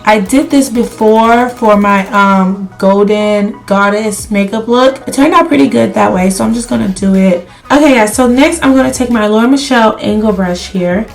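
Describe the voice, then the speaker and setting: A woman beauty vlogger talks through a makeup tutorial at medium pitch and normal speed, barely pausing as she chats directly to viewers. Her voice is creaky and slightly crackly since she's sick and losing it, and soft music plays in the background.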